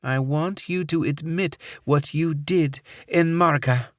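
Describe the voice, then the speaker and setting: Brief: smooth, menacing female terrorist, played by a man, Middle Eastern accent, pitched well up, taunting. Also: takes it slowly, no room sound, studio quality. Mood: coldly menacing. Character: cold vengeful female terrorist.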